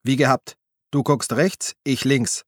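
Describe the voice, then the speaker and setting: A man voicing a brash male police officer in an audiobook, barking orders and shouting. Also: medium pitch, steady tone, unhurried, dry recording, clean studio sound, pitched above the performer's own voice, lightly acted. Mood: commanding. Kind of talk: audiobook character voice.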